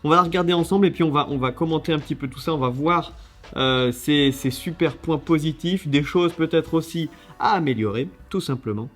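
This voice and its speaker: A man hosting a casual video, judging contest entries in a lively, chatty way with many fillers and restarts. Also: a little high, brisk, soft background music.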